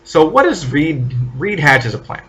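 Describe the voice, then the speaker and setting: A man talks casually as a podcast co-host, walking through comic book plots in an animated way. He sometimes drops into short acted-out lines for the characters before going back to his own voice. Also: on the high side. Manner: animated, acts out characters' lines in quick asides.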